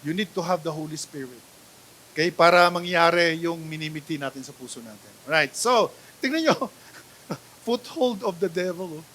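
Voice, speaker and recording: Mataas at matinis na boses ng pastor na lalaki, Pilipinong punto. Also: male voice, on the high side, moderate pace. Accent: Filipino. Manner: switches between Tagalog and English, asks the crowd "di ba?" often; swings from loud exclamations to soft asides. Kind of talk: sermon.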